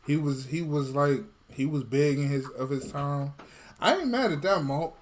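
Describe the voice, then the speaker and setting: A man in casual group chat, animated, repeating himself as he pushes to get a point in. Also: a little high, normal speed, a little hiss or hum.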